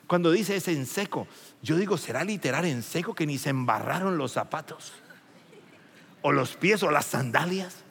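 A male preacher with a high, husky voice that swoops up and down as he calls out to his congregation. His fervent, emphatic sermon rings with the long reverb of a large church hall.

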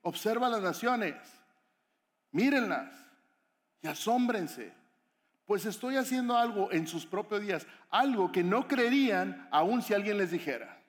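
Brief: a preacher doing a soothing God figure, male, soft high voice, echoey hall. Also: expressive, unhurried. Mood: calm. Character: calm reassuring male God.

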